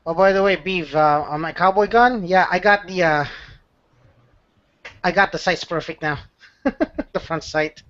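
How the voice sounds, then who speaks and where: A man co-hosting a casual chat, talking haltingly with many restarts and laughs. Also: high-pitched, fairly bright tone, lo-fi sound. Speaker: podcast co-host.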